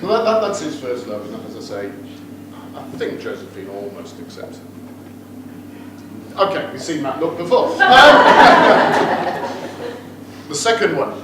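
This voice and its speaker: A man's voice: medium pitch, big pitch swings, normal speed. A middle-aged man giving a joking, teasing wedding toast as father of the groom. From United Kingdom. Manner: teasing, joking, playful asides to guests. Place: wedding reception room with guests. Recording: very echoey room, far off, noisy.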